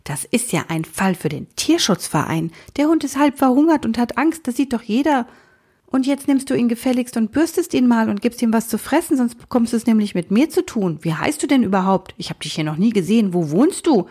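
A woman voicing a stern old busybody who scolds quickly and bossily in a storybook reading. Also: lowish voice, sing-song, a little mellow. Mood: scolding.

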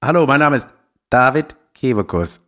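A man imitating a stiff robotic male computer voice in a flat robotic monotone during a casual chat. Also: medium pitch, normal speed, close to an everyday voice. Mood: mechanical.

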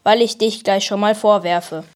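A woman's voice: medium pitch, fairly even intonation, moderate pace, lightly acted. A woman voicing a stubborn boy who wants to be a monster hunter, grumpy and panting.

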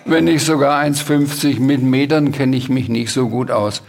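A man's voice: mid-range voice, fairly even intonation, normal speed, creaky, lightly acted. A man reading aloud and voicing a cheeky, boastful little creature, the Sams, in a storybook. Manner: boastful, bossy.

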